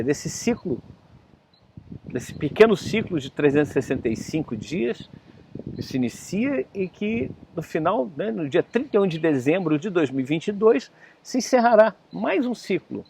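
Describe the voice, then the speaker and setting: A man's voice: fairly high pitch, creaky, a little mellow, slight background noise. A man giving a spiritist lecture, telling a story in a conversational way, often adding tag questions. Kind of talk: storytelling sermon.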